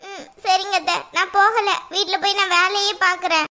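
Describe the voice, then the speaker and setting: A woman plays a meek young daughter-in-law in a cartoon. Her voice is very high and bright. She pleads softly and tearfully with her stern mother-in-law. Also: steady tone, normal speed. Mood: pleading. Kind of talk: cartoon voice acting.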